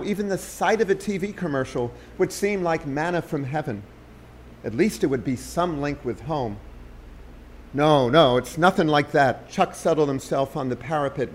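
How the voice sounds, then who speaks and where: A man narrating a short story as an audiobook in a measured storytelling manner. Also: on the high side, a little mellow, a little hiss or hum.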